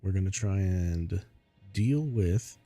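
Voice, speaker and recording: A man's voice: sits low, takes it slowly, dark tone, soft background music. A man streaming a video game in casual commentary, sounding sleepy and stuffy, rambling and laughing often. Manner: giggly, rambling.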